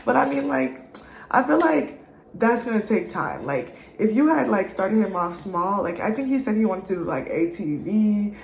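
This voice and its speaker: A woman's voice: mid-range voice, animated, normal speed, vocal fry, a little mellow, reverberant, slight background noise, low-quality recording. A young woman with a congested voice, chatting casually and slangily to her viewers as a YouTube reviewer. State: congested from allergies. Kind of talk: casual chat.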